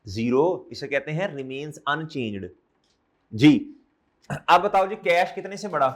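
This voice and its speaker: A middle-aged man lectures an accounting class in a somewhat high voice. He coaxes and scolds by turns, often firing questions back at his students. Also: animated, slow pace, slight background noise. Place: classroom, also streamed online.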